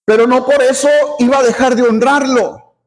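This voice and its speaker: A man's voice: very high-pitched, fairly even intonation, normal speed. A middle-aged male pastor preaching a sermon, earnest, repeating words as he builds his point and now and then dropping in an amen.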